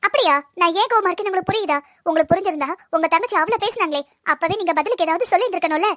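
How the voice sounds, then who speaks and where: Woman voicing a young working wife, cartoon; very high, quick, reproachful. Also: fairly bright tone, no room sound, clean studio sound. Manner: pointed, reproachful. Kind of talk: cartoon voice acting.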